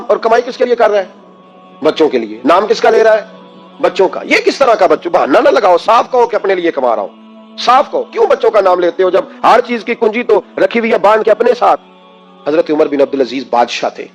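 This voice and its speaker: A man preaching an emotional sermon, impassioned, firing rhetorical questions at his listeners. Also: high-pitched.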